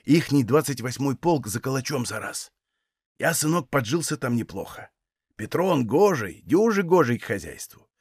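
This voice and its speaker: A man's voice: high voice, lively intonation, normal speed, no room sound, studio quality, pitched above the performer's own voice. A man doing a grumbling old Cossack father. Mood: hushed confiding. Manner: folksy dialect, indignant scolding.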